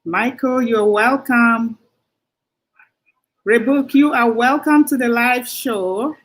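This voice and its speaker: A woman hosting a live stream, warmly greeting viewers one by one by name. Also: on the high side, slow pace. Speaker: livestream host. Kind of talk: casual livestream greeting.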